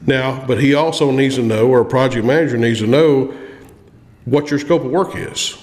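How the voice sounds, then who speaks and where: On a podcast recorded in a small room with a table, a construction industry veteran talks at normal speed in a medium-pitched, slightly mellow voice. He's plain-spoken, frequently restarting while he offers practical advice. A studio mic on a boom arm picks him up, and the room's long reverb echoes around him.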